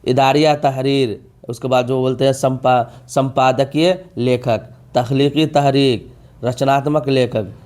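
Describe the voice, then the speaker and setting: A man's voice: medium pitch, flat delivery, a little mellow. A man, teaching an exam-prep vocabulary lesson, repeating each term and asking rhetorical questions. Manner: drawn-out emphasis on key words.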